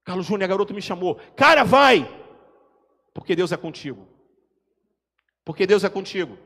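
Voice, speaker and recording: A Brazilian man from Espírito Santo preaching a sermon as pastor, his voice climbing to shouts and dropping to quiet asides. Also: high-pitched, fast, breathy edge. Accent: Brazilian Portuguese, Espírito Santo. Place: church hall. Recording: long church hall reverb.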